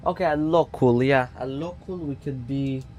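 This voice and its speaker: A man's voice: medium pitch, normal speed, a little mellow, a little hiss or hum. A man streaming a flight simulator, casually thinking aloud and muttering to himself as he works through procedures.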